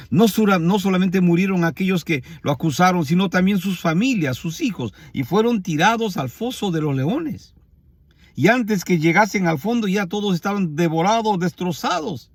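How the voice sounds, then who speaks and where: Male preacher, sermon storytelling, emphatic and repetitive, fairly high voice, dry close sound. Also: no echo. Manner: emphatic, repetitive, with rhetorical questions. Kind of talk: sermon retelling a scripture story.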